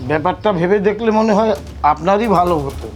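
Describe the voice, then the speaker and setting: A man with a Bangladeshi accent playing a bewildered, mild-mannered middle-aged father in a film melodrama, reasoning gently. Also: high voice, fast talker, faint music behind, natural voice. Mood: mild, cautioning. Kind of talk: melodramatic short film acting.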